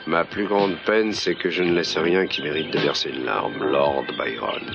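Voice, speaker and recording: An actor playing a grave, world-weary investigator in a dubbed TV soap, gravelly, solemn and measured. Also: male voice, very deep voice. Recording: dull sound under loud music.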